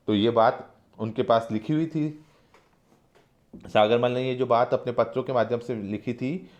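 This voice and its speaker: A man's voice: medium pitch, darkish tone, highs cut off. A male teacher explaining a one-act play line by line, restating each line in simpler words.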